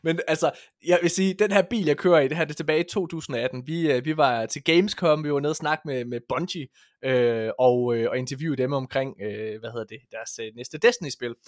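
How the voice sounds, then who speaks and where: A man hosting a podcast, telling rambling anecdotes in casual chat with informal, sweary language. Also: on the high side. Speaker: podcast host.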